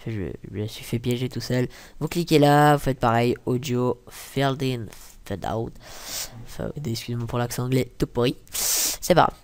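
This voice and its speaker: A young man talking through a casual software tutorial, rambling with many fillers and self-corrections, muttering asides and apologizing for swearing. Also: mid-range voice, brisk, smooth. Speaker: tutorial maker. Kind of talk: casual screen-recording tutorial.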